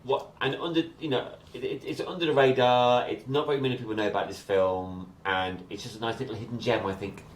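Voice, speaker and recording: A man's voice: medium pitch, steady tone, a little fast, few pauses, reverberant, a little hiss or hum. A man with a Scottish accent co-hosting a casual film podcast, talking enthusiastically and rambling through restarts. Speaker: podcast co-host. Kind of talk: casual chat about films.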